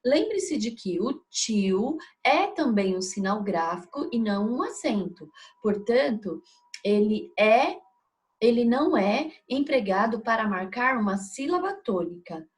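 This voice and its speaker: A woman teaching a video lesson, explaining step by step and checking in with frequent tag questions. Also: medium pitch.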